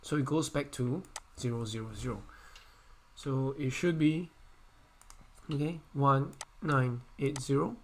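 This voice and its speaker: A man of middling pitch records a screen tutorial for engineering software, counting points aloud and stopping to fix his own slips. He is hiccuping and coughing now and then, and he talks over keyboard clicks. A faint noise sits under the recording. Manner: halting, self-correcting, counts points aloud.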